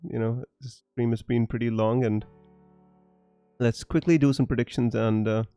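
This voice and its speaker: This young fantasy football streamer from Punjab, India, has a mellow, clean, medium-pitched voice with a steady tone at normal speed. Faint music plays behind him with no room sound as he casually reads comments in a hard-to-place mixed accent, laughing often and filling his speech with fillers and restarts.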